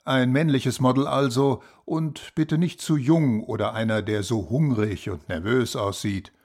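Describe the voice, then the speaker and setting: An actor playing a businesslike male magazine editor who leaves a polite, hurried voicemail in a scripted language-lesson dialogue. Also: medium pitch, darkish tone. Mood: polite, urgent. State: leaving a voicemail.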